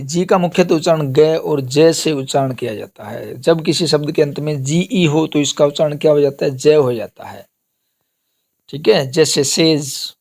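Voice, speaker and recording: A man's voice: fairly high pitch, a little mellow. A man teaching English pronunciation, drilling words and asking and answering his own questions. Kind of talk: classroom lesson on pronunciation.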